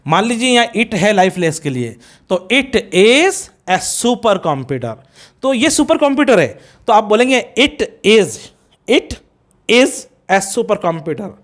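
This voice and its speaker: A middle-aged man with an Indian accent lectures a class on grammar in a fairly high voice. He takes his time, spelling out one example sentence after another and sliding between Hindi and English. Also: very animated, a bit bright. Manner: slow, deliberate drilling of example sentences. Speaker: English teacher.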